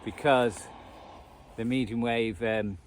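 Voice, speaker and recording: Outdoors at the edge of a churchyard, a hobbyist vlogger with a Northern English accent demonstrates a radio band scan, chatting casually without a script and thinking aloud in hesitant, trailing phrases. His medium-pitched voice is slow and fairly even, and traffic noise fills the recording.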